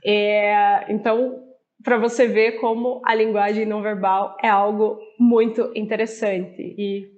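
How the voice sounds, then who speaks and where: A woman's voice: mid-range voice, level tone, measured pace, narrow, tinny audio. A woman with a Brazilian Portuguese accent explaining a book in a casual, conversational way, talking straight to the viewer. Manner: conversational, addresses viewer directly with fillers. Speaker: book presenter.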